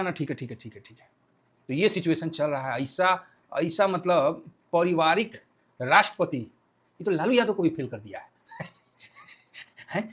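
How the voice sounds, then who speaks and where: A man with a fairly high voice runs through the day's market news in a loose, chatty way. He jokes, asks himself questions and plays out the headlines as he goes. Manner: joking, colloquial, full of rhetorical questions; lively, playfully acts out the news. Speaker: stock market analyst. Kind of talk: casual market commentary.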